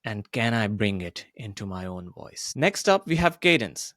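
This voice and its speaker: A man teaching a public speaking lesson, deliberately varying his pitch and volume to demonstrate his points. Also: very animated, a bit bright, dry recording, clean studio sound. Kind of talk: voice coaching lesson.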